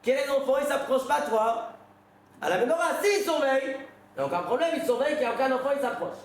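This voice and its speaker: A very echoey space holds this rabbi's informal lesson, where he narrates stories conversationally and poses questions to those listening. His voice is very high, his intonation lively, and his delivery fast.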